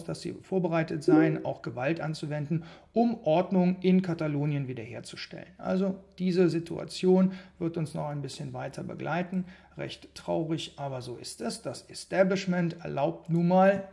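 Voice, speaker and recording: A man's voice: fairly high pitch, normal speed, vocal fry, hardly any pauses, mellow. A man hosting a casual morning market briefing, his voice giving out, mixing English trading jargon into informal commentary.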